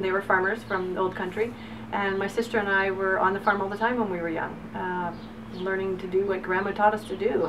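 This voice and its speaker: A middle-aged woman who owns a farm tells stories in a casual interview outdoors on her farm. Her medium-pitched voice is enthusiastic and chatty, with many fillers, picked up by a distant mic amid noisy background sound.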